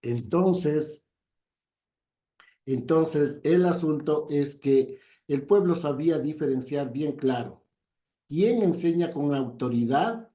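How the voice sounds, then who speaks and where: A man in a Bible study giving a measured, deliberate comment. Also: on the high side, warm tone. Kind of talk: slow reflective comment. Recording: echoey room.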